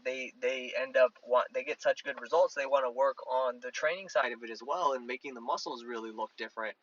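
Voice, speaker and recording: A man who hosts a podcast as a strength coach explains training casually in a medium-pitched, fairly bright voice, with the highs cut off. He speaks conversationally, restarts his sentences often, and leans on hand-waving examples.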